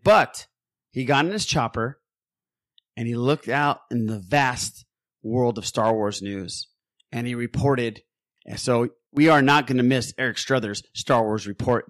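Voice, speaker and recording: A man's voice: mid-range voice, fairly bright tone, no room sound. A man hosting a podcast in casual, jokey chat, informally repeating phrases for emphasis. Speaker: podcast host.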